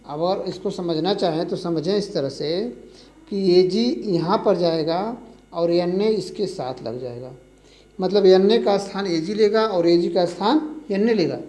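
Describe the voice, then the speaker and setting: A chemistry teacher explains a lesson slowly and repetitively, spelling out formulas letter by letter. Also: medium pitch, dark tone, rough recording. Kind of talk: classroom-style lesson explanation.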